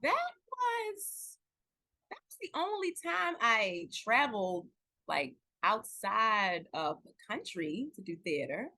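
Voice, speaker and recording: Guest: middle-aged woman, high bright voice, relaxed storyteller. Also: takes it slowly. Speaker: guest, stage actor. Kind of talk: casual interview chat.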